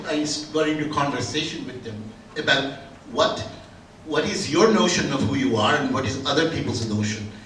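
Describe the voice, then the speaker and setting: A man's voice: mid-range voice, fairly bright tone, a little hiss or hum. An older man from Bangladesh, speaking at an academic conference in a conversational, anecdotal way with frequent restarts. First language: Bengali. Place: conference room. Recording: roomy room, distant mic, faint ambience.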